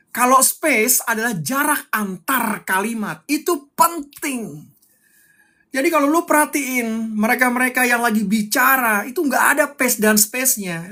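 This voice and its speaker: A man's voice: fairly high pitch, pushed and bright. A young man coaching public speaking on a live stream, fiery and emphatic, repeating his key points.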